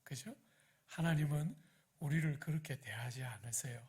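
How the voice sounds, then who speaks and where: A man giving a sermon as pastor of a church, animated and addressing the congregation directly with questions. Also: on the high side, normal speed, breathy edge.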